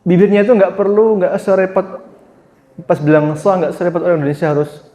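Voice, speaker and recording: A man leads a Quran recitation lesson, drawing out each sound slowly and explaining with patience. His voice sits a little high but mellow. The room around him rings with echo. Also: flat delivery.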